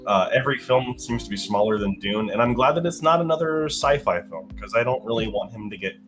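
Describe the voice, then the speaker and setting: A young man with a congested, stuffed-up voice co-hosts a podcast, casually rambling about movie news with many fillers and restarts. His medium-pitched voice is lively and a little fast, with music playing in the background.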